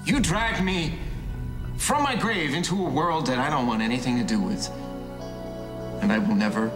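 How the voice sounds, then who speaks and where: A man playing a bitter, wounded character with halting, intense delivery in a soap opera style. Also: a little high, lively intonation, music in the background, natural voice. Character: bitter, wounded man hiding after faked death. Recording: echoey room with long reverb.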